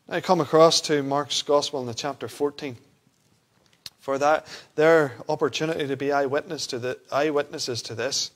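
A male pastor preaching a sermon, who builds to emphatic peaks and then drops to hushed, quiet passages. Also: medium pitch.

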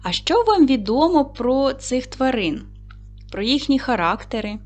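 A woman teacher giving a reading lesson to young children, with a clear, encouraging manner that leads them through questions. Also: high-pitched, big pitch swings, a little slow, darkish tone. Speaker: primary school teacher.

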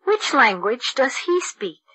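A woman reads lesson sentences slowly and precisely in a bright, slightly high voice. The recording is dry, with no room sound. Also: big pitch swings, slightly rough, no room sound, poor audio. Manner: slow, precise enunciation for learners. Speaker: textbook audio reader. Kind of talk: slow, clear textbook reading.

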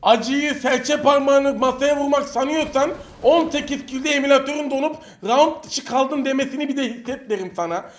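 A young man commenting on a mobile shooter game as he plays, teasing enemies with playful trash talk and sudden excited outbursts. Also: very high voice, moderate pace, few pauses. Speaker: mobile shooter gameplay streamer. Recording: home mic with loud game gunfire behind.

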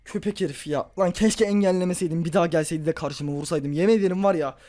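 A man giving let's-play commentary, yelling and ranting furiously at his opponent, then grumbling. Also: on the high side, fast talker. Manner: muttering and grumbling after the game. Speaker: gaming YouTuber.

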